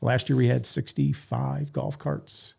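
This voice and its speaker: A man appearing as a guest, explaining town events in a relaxed, plain-spoken way and repeating words. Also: medium pitch, a little slow, vocal fry, slightly rough. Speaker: recreation supervisor, guest. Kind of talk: casual interview.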